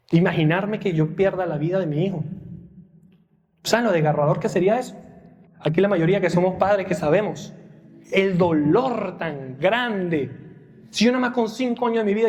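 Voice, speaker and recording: A man's voice: high-pitched, darkish tone, in a large hall. A young male preacher giving a sermon, dramatically acting out the lines of the people in the story. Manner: dramatic, acts out Bible characters' lines.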